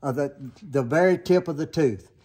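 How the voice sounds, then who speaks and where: An older sawmill sharpening show host, speaking at normal speed in a fairly high, husky voice with a dark tone, gives a casual how-to demo. He rambles in a folksy way and keeps backing up to fix his wording, shot on a handheld camera inside an open barn workshop.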